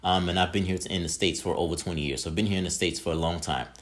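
Middle-aged man from Haiti, quick and lowish, formal, leans on stock phrases in interview answers. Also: steady tone. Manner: formal, repeats "that specific" and "kinda just". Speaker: entrepreneur guest.

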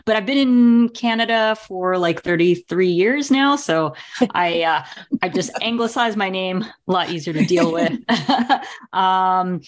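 A woman's voice: mid-range voice, measured pace. A woman from Brazil, a guest on a panel chat, introducing herself in a friendly way with light laughs. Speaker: guest, developer advocate.

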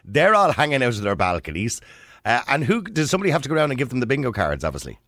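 A man's voice: mid-range voice, huge pitch swings, very fast, a bit bright, no echo. A man with an Irish accent hosting a chatty radio interview in a jokey, conversational manner. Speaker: radio host.

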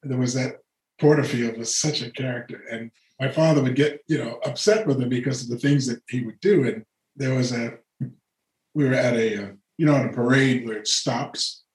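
An older man, a retired orchestral horn player appearing as a guest, tells long, wandering stories about his past in a relaxed conversation. He often stops to chuckle and restarts sentences, speaking at normal speed in a mid-range male voice. The room sounds bare, giving the audio a noticeable echo.

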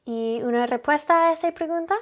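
A woman's voice: sits high, fairly quick. A woman whose first language is English, teaching an English lesson in careful, non-native Spanish.

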